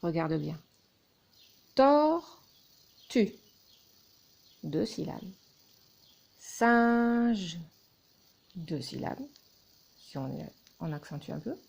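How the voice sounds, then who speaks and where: A woman teacher giving a recorded lesson to young children, speaking deliberately and spelling out letters and syllables one by one. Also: sits low, gravelly, mellow, husky.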